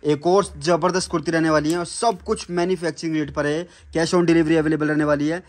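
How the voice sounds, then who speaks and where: Enthusiastic male vlogger, fairly high voice. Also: steady tone, fast. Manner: enthusiastic, echoes and affirms the other speaker. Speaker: vlogger host. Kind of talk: casual on-site vlog interview. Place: factory sample room, indoors.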